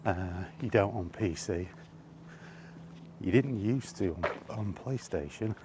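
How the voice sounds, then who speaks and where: A British vlogger with a lowish voice ambles through a park, talking slowly in a casual, rambling way. He sounds hesitant and a bit grumbly, and the outdoor recording is noisy.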